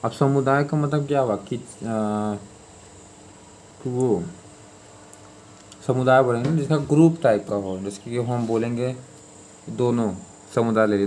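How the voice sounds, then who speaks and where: This mid-pitched man, whose voice has a darkish tone, runs a grammar lesson for exam candidates in a casual, repetitive way. He keeps checking that listeners are with him, filling his pauses and dropping frequent "ठीक है", while a faint noise sits under the audio.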